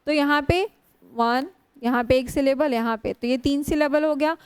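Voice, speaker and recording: Woman teacher, high voice, drags out english words slowly, keeps asking the class questions. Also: no room sound. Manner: slow, drawn-out spelling of English words; frequent rhetorical questions to students. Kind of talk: classroom lecture.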